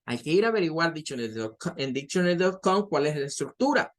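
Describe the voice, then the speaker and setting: A man's voice: fairly high pitch, sing-song. Patient Spanish-speaking man teaching English. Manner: explains patiently, repeats key points; models English words slowly. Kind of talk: online grammar lesson.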